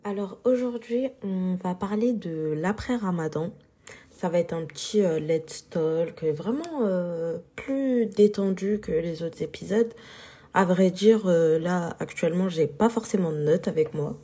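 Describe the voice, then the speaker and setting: A woman with a sore, husky throat, talking informally and thinking aloud as she hosts a relaxed, unscripted solo podcast. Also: on the low side, a little slow. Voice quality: husky, soft-edged. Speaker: podcast host.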